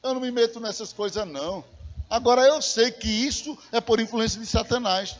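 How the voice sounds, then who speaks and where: Man, high voice, lively sermon storytelling, echoing hall. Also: fairly quick. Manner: animated storytelling, addresses listeners as brother. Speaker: evangelist preacher. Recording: reverberant hall, muffled lo-fi sound.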